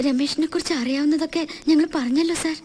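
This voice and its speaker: A woman's voice: high voice, fairly even intonation, fast, dark tone, slight background noise, natural voice. A young woman with a Malayali accent acting as a nervous, pleading college student in a film drama. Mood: nervous, defensive. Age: young adult. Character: anxious young female college student under police questioning. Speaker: actor in a film.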